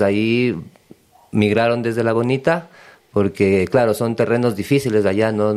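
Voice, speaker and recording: A man with an Ecuadorian accent, a guest in an interview, speaking in a relaxed and hesitant way with many fillers. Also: on the low side. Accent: Ecuadorian Spanish. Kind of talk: casual interview.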